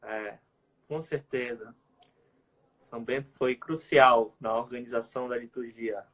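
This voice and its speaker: A man with a Brazilian Portuguese accent, co-hosting a casual video-call chat and explaining liturgical music in a measured, teacherly way. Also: medium pitch, fairly even intonation, fairly bright tone. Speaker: co-host, liturgical music educator.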